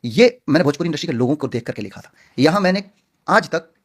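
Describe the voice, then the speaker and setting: A man's voice: a little high, lively intonation, fast talker. A man answering interview questions as a film actor, speaking earnestly and outspokenly with emphatic stresses.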